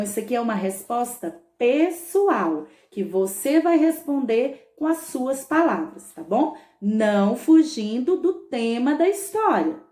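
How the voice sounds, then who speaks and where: A schoolteacher giving a patient remote lesson to young pupils, drawing out words and checking in often. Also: female voice, high-pitched, warm tone. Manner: patient, stretches words, frequent "tá bom?" check-ins. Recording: echoey room.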